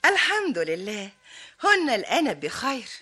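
A woman's voice: fairly high pitch, wildly swooping pitch, normal speed, sharp tone, slightly rough. A woman co-presenting a scripted radio literary program, replying and commenting in formal classical Arabic.

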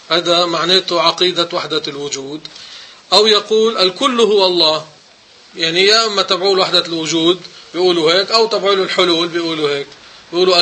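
A male sheikh moves quickly through a religious lesson, his voice pitched high. His tone is tense and cutting as he insists on what may and may not be said, with a faint hum of room noise behind him. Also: sharp tone. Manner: emphatic, corrective explaining. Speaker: religious teacher. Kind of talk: religious lesson with commentary on a text.

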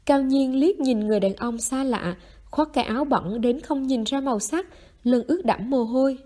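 A woman's voice: a little high, dark tone. Woman narrating a story. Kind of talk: audiobook narration.

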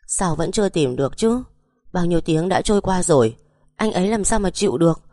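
A woman's voice: fairly low pitch, expressive, brisk, mellow, no echo, studio quality. A woman narrator voicing a grieving, panicked young wife who begs to be taken along. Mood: distraught. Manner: pleading, distraught.

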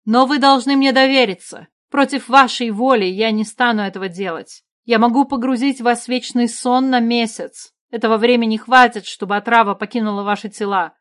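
A woman's voice: fairly high pitch, normal speed, voice pushed up, close to an everyday voice. A woman reading a fantasy audiobook, voicing a commanding and resolute young queen with magic powers in a raised voice. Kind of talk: audiobook character voice.

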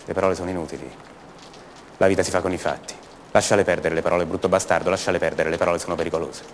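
In a radio theatre monologue, an actor plays a passionate, rebellious young poet from a wealthy family, speaking in a hushed, bitter, confiding way. His delivery is halting and repeats words, his voice sits low with little pitch movement, and there's slight background noise.

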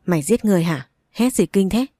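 A woman's voice: mid-range voice, expressive, a little fast, dark tone, no room sound, clean studio sound, close to an everyday voice. A woman voicing an arrogant young rich man who teases and talks rudely in an audio story. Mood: mocking. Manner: teasing, rude, brusque.

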